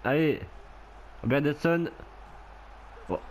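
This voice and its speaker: This man talks over his own rugby video game match in a slow, fairly high voice, with a little hiss or hum on the recording. An excitable commentator, he keeps laughing and shouting at the play as he gets worked up.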